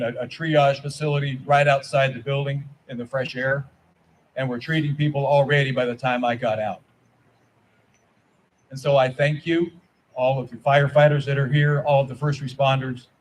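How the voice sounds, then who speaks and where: A man gives a personal recollection as a public speech, earnest and halting, with deliberate phrasing. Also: mid-range voice, poor audio. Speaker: ceremony speaker, eyewitness. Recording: faint background noise.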